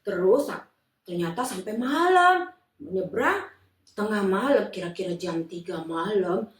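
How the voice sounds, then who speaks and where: A woman teaching children in a Sunday school service, telling a Bible story in a lively, animated way. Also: mid-range voice, measured pace. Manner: lively and animated, addressing kids. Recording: echoey church room, mic far off.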